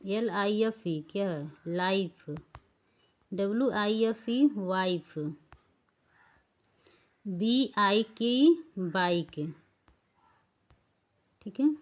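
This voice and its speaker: A woman with a mid-range, darkish voice gives a slow lesson on English spelling and pronunciation rules. She spells words out letter by letter and checks that her learners are following.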